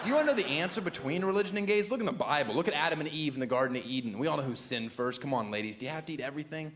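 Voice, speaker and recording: A man performing a stand-up comedy set, sardonic and deadpan, slipping into shrill mock voices. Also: rapid-fire. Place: comedy club stage before a laughing audience. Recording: echoey room with loud crowd.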